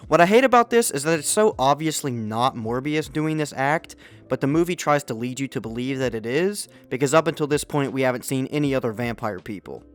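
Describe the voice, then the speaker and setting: A young man narrating a sarcastic film review video essay, with mocking, deadpan asides, close to the mic. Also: medium pitch, a little fast, soft background music.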